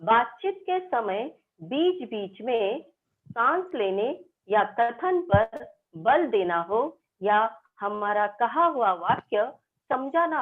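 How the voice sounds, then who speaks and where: A woman teacher with a Marathi accent, slowly explaining a grammar lesson step by step to schoolchildren. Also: on the high side. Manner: slow, explaining step by step to children. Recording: tinny phone-like sound.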